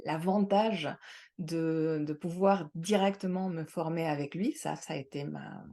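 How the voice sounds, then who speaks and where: A woman's voice: low voice, measured pace, warm tone. A middle-aged woman from Mexico, a hypnosis and NLP trainer, talking in an interview with many hesitations and repeated words. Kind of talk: conversational interview.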